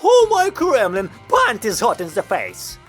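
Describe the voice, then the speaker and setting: A man's voice: sits high, huge pitch swings, a little slow, breathy edge, soft background music, pitched above the performer's own voice, heavily acted. A man putting on a bubbly Ukrainian-accented young woman. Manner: teasing, bubbly, exaggerated.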